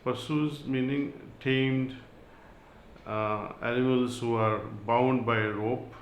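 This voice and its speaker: A man giving a spiritual talk and reading aloud, in a slow, measured way with long pauses. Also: medium pitch, steady tone, reverberant, muffled recording, a little hiss or hum. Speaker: spiritual teacher.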